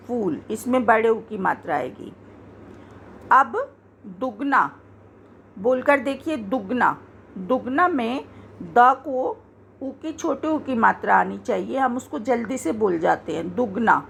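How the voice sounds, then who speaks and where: A woman teaching Hindi spelling, slowly and patiently saying each example word again to show how it sounds. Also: on the high side, vocal fry, slight background noise. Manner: slow, patient, repeats words to show pronunciation. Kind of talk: explaining grammar to learners.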